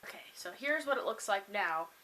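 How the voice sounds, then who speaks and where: A woman's voice: mid-range voice, lively intonation, a little fast, pushed and bright, slight background noise. A young woman vlogging casually at home, rambling upbeat with many fillers as she taste-tests food. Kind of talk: casual chatty vlog. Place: home kitchen.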